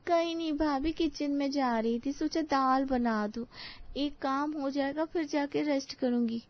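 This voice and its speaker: A meek, deferential young daughter-in-law who pleads politely with her elders, played by a woman. Her voice sits a bit high and sounds soft-spoken. The recording comes through dull and lo-fi. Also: unhurried.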